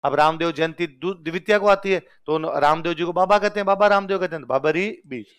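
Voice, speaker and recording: A man's voice: fairly high pitch, brisk, fairly bright tone, smooth. A man teaching a lesson, repeatedly asking questions and answering them himself. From Rajasthan. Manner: quizzes listeners with call-and-response questions. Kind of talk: exam-prep lecture.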